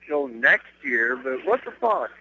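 A man's voice: mid-range voice, big pitch swings, unhurried. A man calling in by cell phone from a bus, his voice coming through a tinny phone line that keeps breaking up. He chats loosely and calls people dude. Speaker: caller phoning in to a live show. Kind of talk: casual phone chat. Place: on a moving bus.

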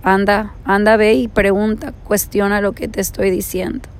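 A woman voicing a calm Buddhist master. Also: mid-range voice, slight background noise, natural voice. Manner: slow, composed and consoling.

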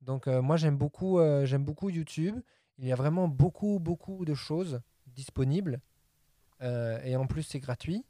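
Mellow-voiced hesitant man, casual chat. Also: a little high, a little slow, dry recording. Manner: hesitant, many repeated words. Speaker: linguist. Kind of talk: casual conversation with many fillers.

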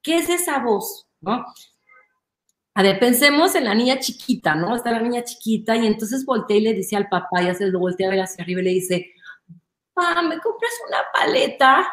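A woman with a Mexican accent talks in a lively, explanatory way as an interview guest, often checking in with "¿no?". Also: medium pitch, fairly quick. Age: adult, a mother. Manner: animated, explanatory, often asks "¿no?". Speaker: guest, image consultant. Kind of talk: conversational interview. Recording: roomy echo.

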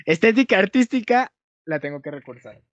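A young man with a Mexican Spanish accent tells a rambling story among friends, correcting himself as he goes. His voice is high-pitched and lively, moving a little fast. The recording sounds dull, dry and lo-fi.

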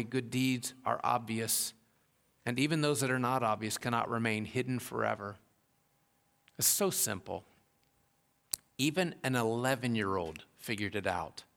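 A man preaching a sermon as pastor, pressing rhetorical questions with growing force and dropping to a hushed tone to tell stories. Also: creaky. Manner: rises to emphatic questions, drops low and soft for told stories.

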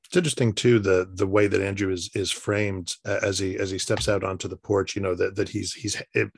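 Low gravelly guy hosting a movie commentary, halting and repeats words, dry room. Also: little pitch movement, no room sound. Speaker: podcast host. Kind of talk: casual commentary chat.

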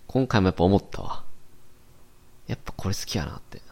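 A man's voice: deep voice, lively intonation, a little fast, gravelly, darkish tone. A young man with a Kansai accent, co-hosting a podcast in laid-back casual chat and laughing often. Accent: Kansai Japanese. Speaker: podcast co-host.

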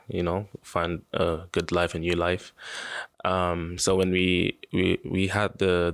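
A man in his twenties from Sudan, a guest in an interview, talking casually and hesitantly with many pauses. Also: deep voice, dry recording. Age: 20s. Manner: hesitant, many "um"s, laughs often.

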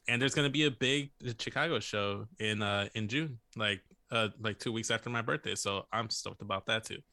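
A man's voice: on the low side, bright, forceful tone, no echo. A man chatting casually as a podcast co-host. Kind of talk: casual banter.

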